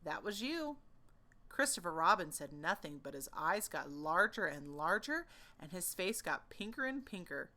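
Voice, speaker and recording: A woman's voice: fairly low pitch, expressive, moderate pace, hardly any pauses, sharp tone. A woman storyteller reading a children's book aloud, expressively and with dramatic emphasis.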